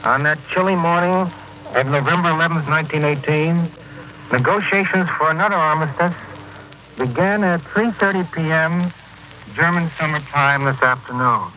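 Old radio recording of a guy reporting live, bright tense voice, bit higher, hissy lo-fi. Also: normal speed. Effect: old archival radio recording. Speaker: radio correspondent. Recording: dull lo-fi with hiss.

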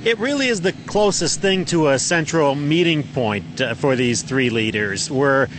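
A man's voice: a little high, lively intonation. Man reporting over a noisy satellite phone. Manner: halting, with many fillers and repeated words. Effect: satellite phone line. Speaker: news correspondent. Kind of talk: live news report by phone. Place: outdoors on an air base tarmac.

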